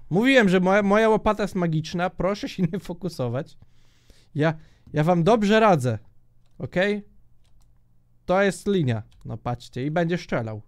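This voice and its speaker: A young man giving joking, excitable commentary while he plays a multiplayer block-building minigame, often shouting at other players. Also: high-pitched. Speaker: gaming YouTuber.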